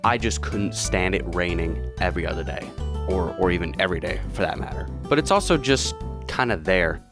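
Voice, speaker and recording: A young man chatting casually and jokily while ranking countries, often trailing off quietly at the ends of phrases. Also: sits low, animated, brisk, music in the background. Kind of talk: casual commentary vlog.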